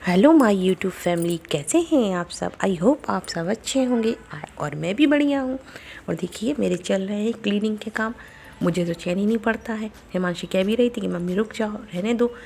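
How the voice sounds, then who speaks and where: Homely Bundelkhandi-accented woman, 40s, gravelly daily-vlog chatter on a phone mic. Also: medium pitch, lively intonation, normal speed, darkish tone, slight background noise. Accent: Bundelkhandi Hindi. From India. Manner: chatty, homely, retells family talk. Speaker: vlogger. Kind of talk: casual daily vlog narration. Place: home, kitchen.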